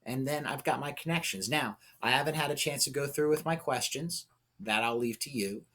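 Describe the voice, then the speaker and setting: Briskly and in a fairly bright, mid-range voice, a man teaches a lesson by reasoning out loud over a writing example. He takes it step by step and checks in with short questions.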